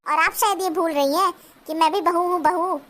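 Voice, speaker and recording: A woman voicing a sharp-tongued young daughter-in-law who talks back in a cartoon. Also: very high-pitched, moderate pace. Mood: defiant. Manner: retorting, argumentative. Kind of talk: cartoon voice acting.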